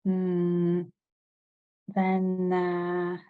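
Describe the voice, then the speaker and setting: A woman's voice: fairly low pitch, completely flat delivery, extremely slow, smooth, phone-quality sound. A woman with an Estonian accent, a native Estonian speaker, giving an unscripted language lecture, hesitant, with many fillers and restarts. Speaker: language teacher.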